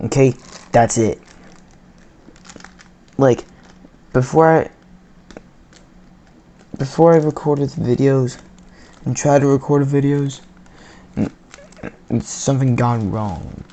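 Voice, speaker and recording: A man's voice: mid-range voice, takes it slowly, long pauses, warm tone. A man reacting to a cartoon episode in a casual, rambling and sarcastic way. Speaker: video reactor.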